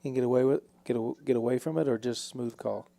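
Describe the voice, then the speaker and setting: A man hosts a live poker game with casual commentary. His voice is dark and relaxed, with plenty of vocal fry running through it. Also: medium pitch, fast talker, no echo.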